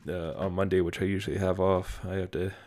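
A man's voice: deep voice, level tone, a little fast, darkish tone. A young man hosting his own podcast from home, rambling casually with lots of fillers and self-deprecating asides. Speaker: podcast host. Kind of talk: casual solo podcast monologue. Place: home basement room.

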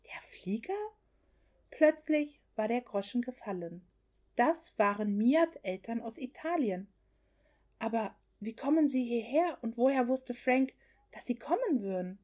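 A woman narrating a German novel as a scripted audiobook in an expressive storytelling manner. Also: fairly high pitch, a little slow.

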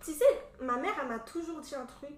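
A young woman from Cameroon telling a story in casual chat, animated and full of fillers. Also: sits high, a little fast. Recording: echoey room from a distance.

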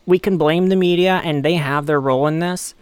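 A man's voice: on the high side, steady tone, brisk, smooth, no echo. A man co-hosting a casual talk podcast, giving blunt opinions and sarcastic quips. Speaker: podcast co-host. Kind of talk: casual chat.

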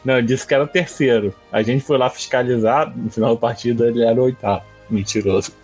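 A man's voice: medium pitch, fairly even intonation, fast talker, a little mellow, husky, soft background music. A young Brazilian man with a Brazilian Portuguese accent, chatting casually on a gaming podcast and telling stories with a laid-back manner and frequent laughs. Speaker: podcast co-host.

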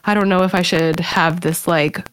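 A woman's voice: on the low side, steady tone, normal speed, no room sound. A woman in her thirties, a podcast guest, chatting candidly and laughing often. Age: 30s. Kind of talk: casual chat.

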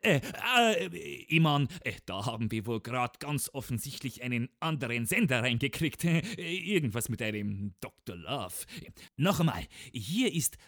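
A self-styled rebel pirate radio host, played by a man, announces his illegal show with puffed-up bravado. He stammers and piles up hesitations, his pitch leaping all over the place. The sound is close and dry, with no room around it. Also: lively intonation, unhurried, fairly bright tone, dry recording. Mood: flustered announcing. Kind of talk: comic audio sketch.

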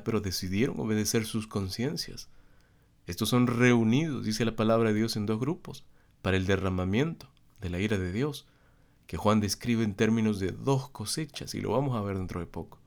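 Earnest low-voiced male Bible teacher. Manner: earnest, measured, addresses listeners directly.

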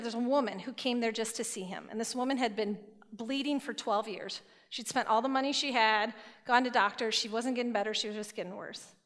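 A woman giving a sermon to a youth group, retelling scripture stories in a lively, casual storytelling way. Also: a little high. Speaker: youth speaker. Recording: long hall reverb.

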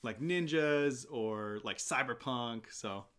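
A man's voice: medium pitch, slow pace, a bit bright, smooth. A young man co-hosting a casual chat, rambling with lots of fillers, restarts and chuckles. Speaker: podcast co-host.

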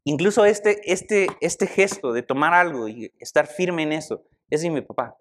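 A man's voice: fairly high pitch, moderate pace. A young man, preaching a conversational sermon and asking the congregation questions. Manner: animated, conversational, asks the audience questions.

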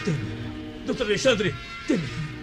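A man's voice: high-pitched, lively intonation, takes it slowly. A man playing an urgent, pleading son-in-law in a melodramatic telenovela. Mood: firm pleading. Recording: dramatic music behind.

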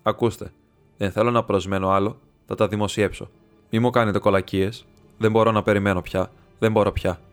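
A man's voice: fairly low pitch, fairly even intonation, faint music behind, close to an everyday voice. A man voicing a proud, scornful nobleman who makes a bitter, mocking confession. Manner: mocking and defiant.

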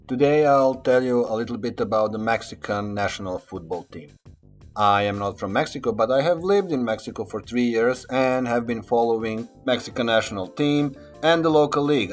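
A man giving an informal prepared talk to listeners as a guest contributor. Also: lowish voice.

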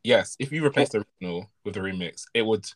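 Male podcast co-host, lowish voice, rambling and self-correcting, chuckling as he goes. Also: animated, fast. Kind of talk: casual chat.

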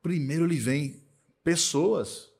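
An emphatic man from Northeast Brazil, who owns an accounting firm, guests on a casual podcast conversation. His voice runs on the high side yet sounds dark, husky and creaky, and he talks slowly. He repeats himself and leans on the tag questions "tá?" and "né?".

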